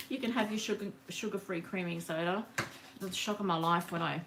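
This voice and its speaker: A woman hosts a live craft session from her table at home, talking in a loose, rambling way and greeting viewers by name as she works. Her voice sits a little low, with a faint hiss behind it. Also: moderate pace. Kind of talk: casual live craft demo chat. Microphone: camera on the work table.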